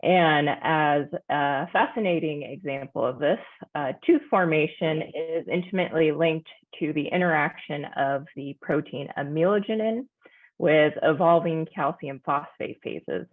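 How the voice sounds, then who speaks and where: Woman presenting over a tinny video call. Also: sits low. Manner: careful, measured, with frequent pauses. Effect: heard over a video call. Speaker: scientist presenting a conference talk. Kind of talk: technical scientific presentation. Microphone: computer mic on a video call.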